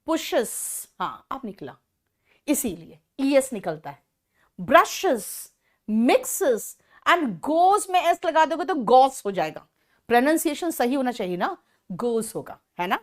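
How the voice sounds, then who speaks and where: Lady teacher on an online class, high voice, goes slow and drawn out. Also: very animated. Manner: explains slowly in Hindi mixed with English, praises students by name. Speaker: English teacher.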